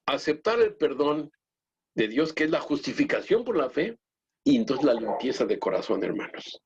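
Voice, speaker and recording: Male lay preacher, husky voice, halting earnest delivery, muffled lo-fi recording. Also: medium pitch, sing-song. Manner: earnest, halting with many restarts, addresses the brethren directly. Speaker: lay pastor. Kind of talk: church teaching talk. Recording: dull lo-fi recording.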